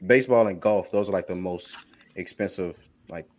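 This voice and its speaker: Young man, podcast co-host, low voice, rambling casual chat, lots of "like" and "bro". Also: normal speed, a little mellow. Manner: rambling, repeats himself, says "like" and "bro" often.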